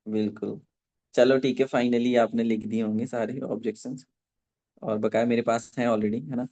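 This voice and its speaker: A man running a live online training session for network marketing, dictating points slowly and checking in with listeners after nearly every sentence. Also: medium pitch, fairly even intonation, mellow. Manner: dictates slowly for note-taking.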